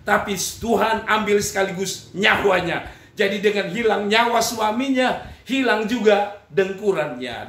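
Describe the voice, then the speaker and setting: Emphatic high-voiced preacher. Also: male voice, fairly bright tone. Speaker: pastor. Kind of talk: humorous sermon. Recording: echoey room.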